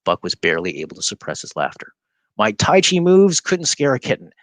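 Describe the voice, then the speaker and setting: A man reading a children's story aloud, expressive and animated. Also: lowish voice, a little fast, no room sound. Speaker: reader.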